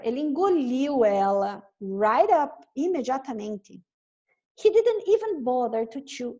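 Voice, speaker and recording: A Brazilian woman with a high-pitched, darkish voice teaches a bilingual story-reading lesson, explaining an English story line by line. She is patient and explanatory, repeating phrases as she goes.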